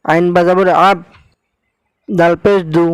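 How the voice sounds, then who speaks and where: A man's voice: high-pitched, level tone, takes it slowly, clean tone, dry recording, rough recording. A man teaching recitation, spelling out each syllable and then blending it into the word, with a Bangladeshi Bengali accent. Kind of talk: slow spelled-out recitation lesson.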